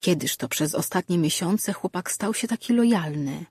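Female audiobook narrator, husky, measured, close dry studio sound. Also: on the low side, expressive, a little mellow, dry recording. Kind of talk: scripted fantasy narration.

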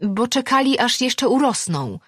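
A woman's voice: big pitch swings, measured pace, fairly bright tone, husky, dry recording, clean studio sound, heavily acted. Woman voicing a breathless young sea girl. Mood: persuasive. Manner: breathless, eager, high-pitched. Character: young sea-dwelling girl, timid yet determined.

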